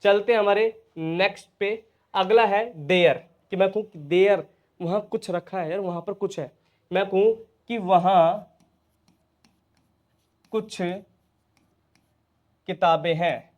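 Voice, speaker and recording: Hindi accent guy teaching english, fairly high voice, keeps quizzing then answering himself. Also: takes it slowly, pauses often. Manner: repeats questions to students and answers them himself. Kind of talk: spoken English lesson in Hindi.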